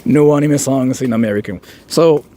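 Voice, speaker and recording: In a mid-range, dark-toned voice at a moderate pace, a Japanese man in his 30s chats on a live stream and reads out viewer donations. He rambles and jokes, filling his speech with "like", and a slight hiss or hum sits behind him.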